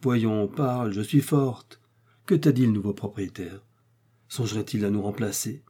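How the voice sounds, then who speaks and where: A man's voice: fairly low pitch, fairly even intonation, normal speed, dark tone, husky. A man reading a story aloud, voicing a middle-aged concierge's wife who presses her husband and mocks him. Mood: pressing. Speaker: character in a read story. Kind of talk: audiobook character reading.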